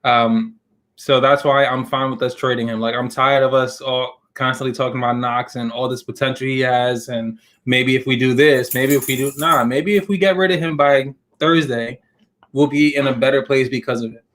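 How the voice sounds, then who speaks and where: A man's voice: mid-range voice, steady tone, normal speed, fairly bright tone. Opinionated man co-hosting a sports stream. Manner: opinionated, emphatic, casual slang. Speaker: co-host of a live sports show. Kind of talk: casual sports chat.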